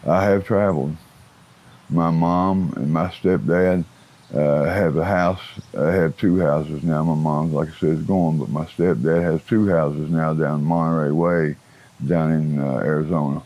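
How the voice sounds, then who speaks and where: A man in his fifties with an Appalachian accent, talking like a plain-spoken biker with rough folksy grammar as he answers interview questions about his life. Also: a bass voice, fairly even intonation, a little slow, a little mellow, low-quality recording. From West Virginia. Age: 50s. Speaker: interview guest, former biker gang associate. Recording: clear outdoor ambient noise.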